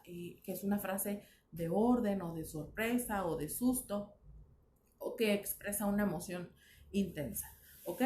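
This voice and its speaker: A woman's voice: medium pitch, warm tone, reverberant, a little hiss or hum. A woman with a Mexican accent teaching a recorded video lesson, explaining patiently and often checking that her students follow. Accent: Mexican Spanish.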